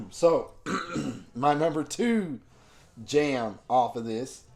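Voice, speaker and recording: A man with a sore, rough throat giving a casual album review, slow and loose with lots of ums. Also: medium pitch. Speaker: music reviewer.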